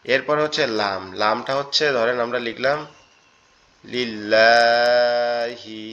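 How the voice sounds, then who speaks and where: A man's voice: mid-range voice, sharp tone. Patient man teaching letters, lo-fi. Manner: patient, repeats each point slowly. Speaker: Quran teacher. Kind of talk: online lesson on Arabic letters.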